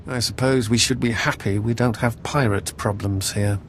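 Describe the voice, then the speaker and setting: An actor playing an earnest, deferential military commander in a video game, polite and formal. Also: male voice, on the low side, steady tone, moderate pace, a little hiss or hum, close to an everyday voice.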